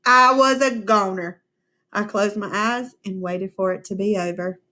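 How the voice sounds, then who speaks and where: A woman teacher reading a storybook aloud to children, pausing to ask them questions and explain words. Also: mid-range voice. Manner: expressive, asks the children questions, slow and patient. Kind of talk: storybook read-aloud with class discussion.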